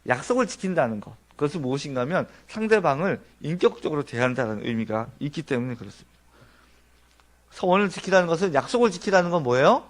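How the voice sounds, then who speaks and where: A male pastor preaching a Sunday sermon in a church sanctuary. His pitch rises and falls widely, and his voice sits a bit higher than most men's. He talks to the congregation in a conversational way, laying out his points in order and putting questions to them. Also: sing-song, quick pace. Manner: asks the congregation rhetorical questions; explains points one by one in an earnest, conversational tone.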